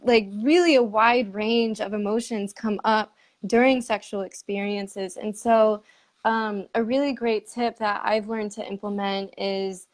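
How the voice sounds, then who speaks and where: A woman's voice: medium pitch, steady tone, measured pace. A woman hosting a conversational interview, speaking candidly with frequent laughs and fillers. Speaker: podcast host. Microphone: remote live stream.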